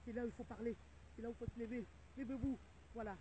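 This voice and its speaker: Racing along in a warm, slightly high voice that holds a steady tone, this middle-aged vlogger rallies her viewers with indignant, repeated calls to action. Her appeal comes through tinny, phone-like audio carrying a little faint noise.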